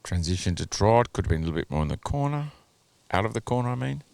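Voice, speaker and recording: A man with a lowish voice talks through a dressage test as commentator, weighing each movement in a measured, analytical way. He softens his points with frequent "you know" and "a little bit". The recording is dry and close, with no room sound. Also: big pitch swings, vocal fry, no room sound. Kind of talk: sports commentary over a video.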